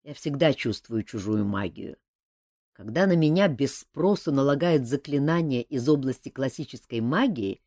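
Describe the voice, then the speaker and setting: A woman's voice: low-pitched, a little mellow, no echo, clean studio sound, exaggerated voice. Woman doing a sardonic nervous mage.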